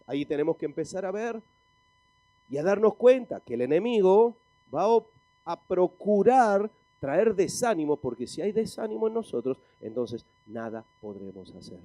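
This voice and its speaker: Male pastor, Spain Spanish accent, high mellow voice, dry sound, emphatic sermon delivery. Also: no room sound. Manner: emphatic preaching with questions to the congregation.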